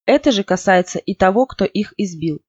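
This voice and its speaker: A storyteller voicing a stern, angry middle-aged father who shouts and forbids, in a dull, dry recording. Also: mid-range voice, normal speed, no echo, natural voice.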